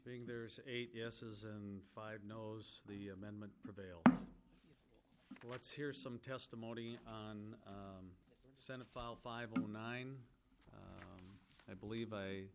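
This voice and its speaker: A man presiding over a legislative hearing, calling the next items in a procedural, halting way, heard on a hearing-room recording. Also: fairly low pitch, fairly even intonation, vocal fry, background noise. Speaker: committee chair.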